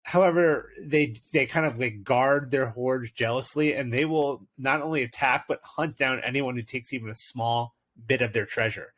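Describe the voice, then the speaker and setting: A man's voice: mid-range voice, moderate pace, few pauses, a bit bright. A man co-hosting a tabletop game podcast, chatting eagerly with many fillers and narrating a dramatic scene. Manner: enthusiastic, with frequent fillers. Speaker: podcast co-host and game master. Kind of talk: casual chat and dramatic narration.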